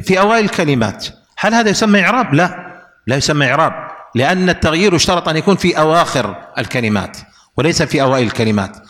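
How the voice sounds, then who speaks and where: Man, grammar teacher, lesson, quizzes students, repeats examples, fairly high voice, long hall reverb. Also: fairly bright tone. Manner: explains with drilled examples and questions to students.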